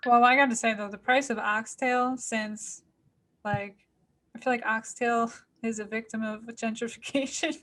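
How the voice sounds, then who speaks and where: A woman hosts a casual podcast chat with a fairly high voice. She sounds upbeat, keeps the talk moving, and laughs easily. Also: steady tone, normal speed, a bit bright. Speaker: podcast host.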